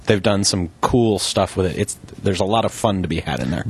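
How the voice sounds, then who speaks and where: Male co-host with a fairly low voice for informal video game discussion. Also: brisk, slightly rough. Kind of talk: casual gaming chat.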